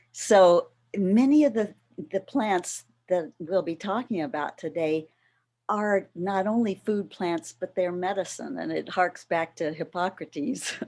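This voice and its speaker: A middle-aged woman giving an explanatory workshop talk on a video call, unhurried and warm with occasional soft laughs. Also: on the low side. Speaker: workshop presenter. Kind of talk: educational talk on plant foods.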